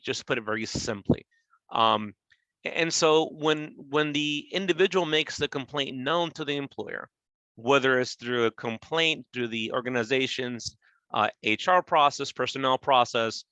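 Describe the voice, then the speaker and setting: A government agency presenter in his forties runs an informal webinar on workplace law, explaining things, putting them another way, and checking in with "right?" His mid-range voice comes across pushed and bright, with no echo.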